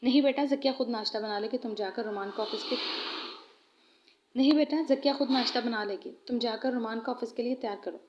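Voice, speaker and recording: A woman voicing a fussy, fond older mother-in-law who scolds gently, in a muffled lo-fi recording. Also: a little high, a little fast, noisy background, lightly acted. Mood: fussing. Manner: scolding, affectionate.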